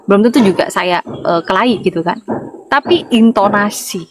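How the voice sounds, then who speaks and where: A medium-pitched woman from Madura, Indonesia, with a Madurese accent, speaks at a moderate pace against a noisy background. She's an evangelist giving an informal, lively, chatty sermon, repeatedly calling out to listeners for responses.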